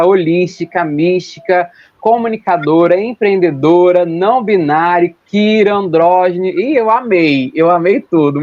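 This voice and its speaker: Brief: young Rio de man hosting a podcast, rambling, a bit high, dull dry audio. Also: a little mellow, dry recording. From Rio de Janeiro state, Brazil. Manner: chatty, rambling, with self-corrections and long lists. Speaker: podcast host. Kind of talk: casual podcast chat.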